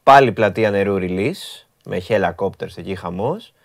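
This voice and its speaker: A man who is a guest on a radio show, chatting casually and eagerly, often repeating his words. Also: low-pitched. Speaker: studio guest. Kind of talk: casual chat.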